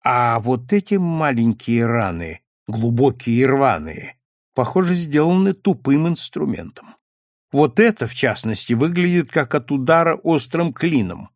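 A man voicing a calm, attentive male doctor who explains his observations in a measured way. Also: medium pitch, no room sound, studio quality. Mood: explaining.

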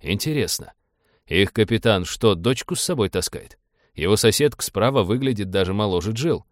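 A man's voice: lowish voice, lively intonation, moderate pace, no echo, natural voice. A man voicing a weary, sarcastic male starship captain with a dry wit.

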